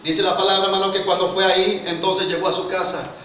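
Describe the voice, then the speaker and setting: High-voiced preacher, echoing hall. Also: male voice, little pitch movement, quick pace, bright, forceful tone. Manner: impassioned, storytelling, frequent "hermano" address. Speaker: pastor. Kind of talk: sermon. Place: church. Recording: echoey church hall with faint noise.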